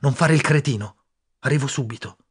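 A man reading an audiobook aloud and voicing a frightened young boy who urgently pleads with his friend, in a husky, raised voice. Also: medium pitch, brisk.

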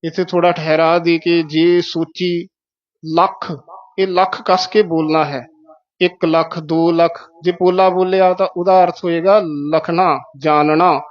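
A man's voice: fairly high pitch, flat delivery, measured pace, lo-fi sound. Methodical man teaching correct recitation. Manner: methodical, repeats words syllable by syllable. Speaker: Gurbani pronunciation teacher. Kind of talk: explaining correct recitation of scripture.

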